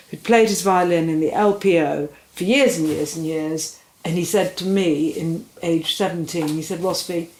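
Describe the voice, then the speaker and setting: A woman in her sixties, an interview guest, telling long stories in animated, rambling fashion with many restarts. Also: lowish voice. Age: 60s. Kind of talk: casual conversational interview. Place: room in a house. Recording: roomy, faint ambient noise.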